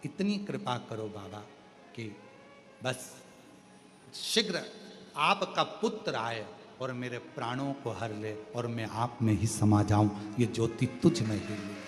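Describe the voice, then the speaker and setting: A man voicing a humbled male demon who pleads softly and imploringly for release. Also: long reverb tail. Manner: soft, low and imploring.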